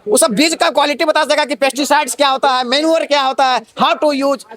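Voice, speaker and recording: A man's voice: extremely high pitch, fairly even intonation, brisk, fairly bright tone. A young man from Jharkhand, an exam candidate, speaking in an impassioned street interview, indignant and full of rhetorical questions.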